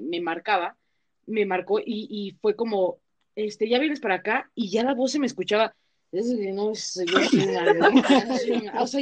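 Chatty young Mexican woman storyteller. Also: mid-range voice. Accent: Mexican Spanish. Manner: chatty, slangy storytelling with many fillers. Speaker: podcast co-host. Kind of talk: casual chat.

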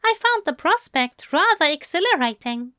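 A woman voicing a fussy, gentle male angel who speaks in a prim, courteous, old-fashioned way. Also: extremely high pitch, very animated, normal speed, no echo, studio quality, voice pushed up, heavily acted. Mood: adoring. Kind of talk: fan audiobook reading.

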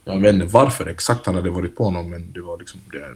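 A young man with a deep, husky voice talks loosely in a casual interview, scattering "you know" through his sentences and slipping into street slang. When he retells a scene from training, his voice climbs and he mimics the shouting, then he settles back into a low, unhurried drawl. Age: young adult. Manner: relaxed, animated when retelling, heavy "du vet" fillers and street slang. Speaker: youth football player, guest.

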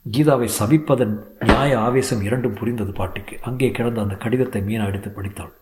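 A man's voice: medium pitch, a little hiss or hum. Man reading a story aloud. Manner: measured, expressive reading. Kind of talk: storytelling narration.

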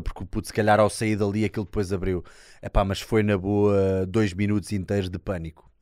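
A man's voice: fairly low pitch, no room sound, clean studio sound. A man with a European Portuguese accent telling a story on his podcast, slangy, swearing and acting out quotes. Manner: animated, slangy, swears a lot, acts out shouted quotes. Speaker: podcast host. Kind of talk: casual storytelling monologue.

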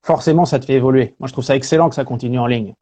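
A relaxed Frenchman from France, a guest who is both a speaker and a singer, chats in a casual interview with plenty of hesitation fillers. His mellow, medium-pitched voice comes out rapid-fire.

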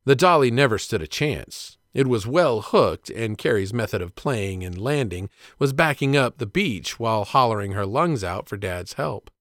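Male storyteller, plainspoken, animated intonation, dead-dry close mic. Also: fairly low pitch, moderate pace, hardly any pauses, no room sound. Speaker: storyteller and father. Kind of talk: scripted narration of a personal story.

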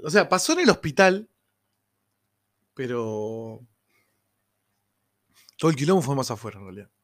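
A young man with a Rioplatense Spanish accent telling funny anecdotes in a casual, slangy way, laughing as he goes. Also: medium pitch. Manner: laughing, slangy, animated retelling with quoted voices. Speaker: storyteller.

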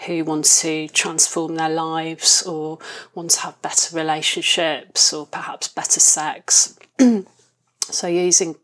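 A woman with a slightly low voice speaks as an interview guest. She is reflective and conversational, often pausing and rephrasing as she thinks her way through what she says. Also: flat delivery, fairly bright tone. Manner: thoughtful, hesitant, pausing to reformulate.

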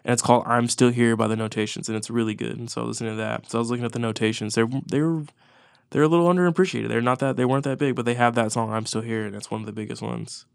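A congested man rambles through a casual podcast chat, swearing freely and restarting his sentences. His voice stays smooth and level, with little rise and fall, on a close, dry mic. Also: medium pitch, steady tone, racing, no room sound. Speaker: podcast co-host. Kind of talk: casual chat about music.

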